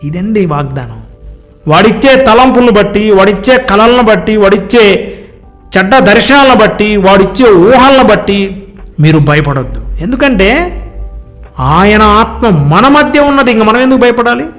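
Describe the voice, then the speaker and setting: A man's voice: high voice, sing-song, moderate pace, a bit bright, soft background music. A man preaching a sermon, emphatic and exhorting, piling up repeated phrases and speaking straight to his listeners. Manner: familiar direct address to listeners.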